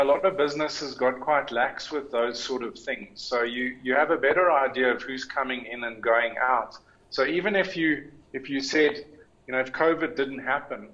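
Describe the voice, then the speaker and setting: A man, speaking from an office as an insurance expert, relaxed and conversational. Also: medium pitch. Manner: relaxed, conversational, repeats words when restarting. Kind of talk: panel interview answers. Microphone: video call. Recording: slightly muffled video call audio.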